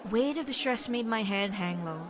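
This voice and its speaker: A woman live streams a visual novel, reading the text aloud and chatting expressively with frequent laughter and exclamations. Her fairly high voice moves briskly. The stream is noisy, with game audio, ambience and a crowd in the background.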